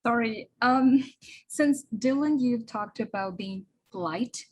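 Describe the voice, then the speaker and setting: Slow, hesitant woman asking. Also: fairly high pitch, low-quality recording. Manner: hesitant, polite. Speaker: workshop participant. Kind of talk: asking a question.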